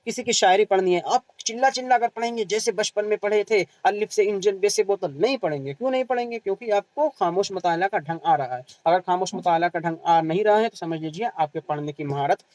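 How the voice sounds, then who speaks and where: High-voiced Indian Urdu teacher lecturing. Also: male voice, hardly any pauses, a little mellow, no room sound, rough recording. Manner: asks the class questions and answers them himself; repeats key terms, tag question "hai na". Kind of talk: exam-prep lecture.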